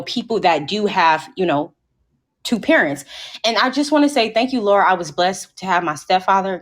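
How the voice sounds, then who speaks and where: A woman's voice: medium pitch, a bit bright. A woman co-hosting a podcast, talking candidly in a loose, rambling way with restarts and cursing. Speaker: podcast co-host. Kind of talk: casual chat.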